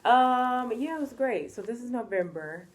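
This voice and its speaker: A woman's voice: fairly high pitch, animated, moderate pace. A woman telling a casual storytime, chatty and full of "like" fillers. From United States. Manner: chatty, full of "like" fillers, acts out quoted voices. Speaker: vlogger.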